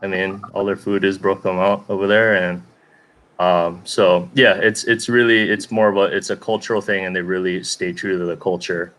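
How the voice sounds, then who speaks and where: A man's voice: low-pitched, little pitch movement, normal speed, fairly bright tone. A man from Hawaii, a regular on the show, chatting in an easygoing way with lots of "you know". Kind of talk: casual chat.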